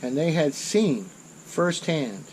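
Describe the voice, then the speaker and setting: Guy in his middle years telling a story off the cuff, keeps restarting, a bit high-pitched, some crickets faintly behind. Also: animated, slow pace, a little mellow, slight background noise, low-quality recording. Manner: rambling, self-correcting, rises in intensity at dramatic moments. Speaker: channel host. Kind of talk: casual storytelling monologue.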